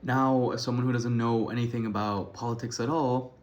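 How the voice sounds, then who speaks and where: A man's voice: medium pitch, fairly even intonation, fairly quick, dull audio, slight background noise. A young man from Ecuador rambling casually to camera, thinking aloud with many restarts and self-deprecating asides. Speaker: vlogger.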